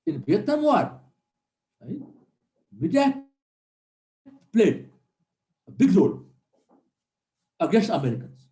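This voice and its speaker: Taking it slowly with long pauses, a middle-aged military instructor from Nepal delivers an earnest classroom lecture and repeats key points for emphasis. His high voice has big pitch swings and a dark tone, and the room echoes noticeably.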